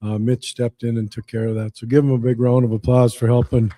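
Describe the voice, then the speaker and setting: A man hosting an event, announcing off the cuff in a halting, folksy way with frequent pauses. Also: mid-range voice, flat delivery, dark tone. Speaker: event host. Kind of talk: unscripted announcing to an audience.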